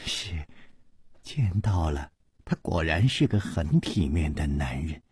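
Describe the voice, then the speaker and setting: A storyteller voicing a cheeky young male servant who teases and speaks in sly, low asides. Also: expressive, takes it slowly, breathy edge, no room sound, clean studio sound, heavily acted. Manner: teasing, sly, soft asides.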